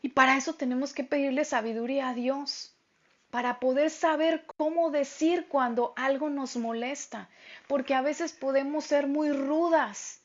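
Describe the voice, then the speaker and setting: Woman, middle-aged, bible lesson, strong loud voice, slightly high, lo-fi phone recording. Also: steady tone, a little slow. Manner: loud, emphatic speaking voice. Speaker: women's group Bible teacher. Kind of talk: Bible teaching talk.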